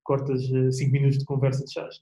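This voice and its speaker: A young man with a European Portuguese accent, chatting as an interview guest in a relaxed, slangy way with plenty of restarts. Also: mid-range voice, quick pace, reverberant, muffled recording. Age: young adult. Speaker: guest athlete. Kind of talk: casual interview chat.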